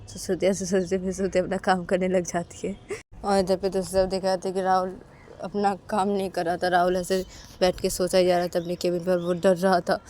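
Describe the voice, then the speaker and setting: A woman's voice: on the low side, level tone, a little fast, darkish tone, slight background noise. A woman narrating a home-made romance story in a plain, repetitive, casual way.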